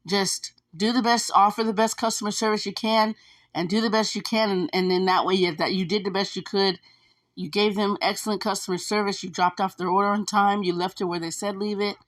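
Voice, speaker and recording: A woman's voice: medium pitch, steady tone, a little fast. A woman who drives for food delivery, talking casually to viewers, chatty and repetitive, with lots of fillers. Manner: chatty, repeats herself, frequent fillers. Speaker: gig delivery driver vlogger. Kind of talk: casual advice vlog to viewers.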